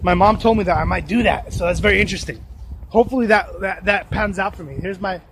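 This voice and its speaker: A man with a high, light voice talks outdoors, rambling and dramatic as he overshares about his life. A faint hiss of open air sits behind him. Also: fast talker, vocal fry. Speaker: podcast host. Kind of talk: casual outdoor vlog chat. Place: outdoors at a shopping plaza.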